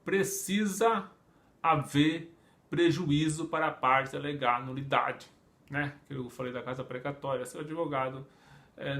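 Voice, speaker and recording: Man, Brazilian accent, law teacher, conversational lecture, rhetorical questions, fairly high voice. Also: a bit bright. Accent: Brazilian Portuguese. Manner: conversational, asks rhetorical questions, acts out imagined speakers; frequent tag questions and fillers.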